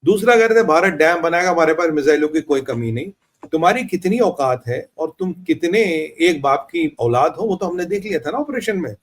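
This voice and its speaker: A man's voice: on the high side, animated, brisk. A man with an Indian accent speaking as a guest commentator on a political talk show, blunt, combative and mocking.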